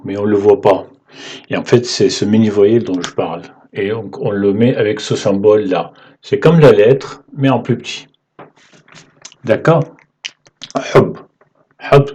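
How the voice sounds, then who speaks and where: A man teaching the alphabet in French, patient and halting, often checking in with "ok?" as he writes. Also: on the low side, a little mellow, slightly rough. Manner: slow, halting delivery with fillers. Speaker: Arabic teacher. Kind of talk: whiteboard lesson explaining letters.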